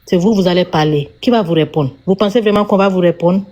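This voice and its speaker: A woman's voice: on the low side, quick pace, warm tone. A woman with a Senegalese accent, scolding viewers emphatically on a live stream panel. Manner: emphatic, lecturing, repeats herself.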